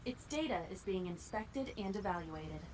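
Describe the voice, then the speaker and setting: A woman's voice: mid-range voice, lively intonation, normal speed, noisy background, close to an everyday voice. A woman playing a composed, matter-of-fact artificial intelligence partner in a video game, speaking precisely and formally. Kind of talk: English video game voice acting.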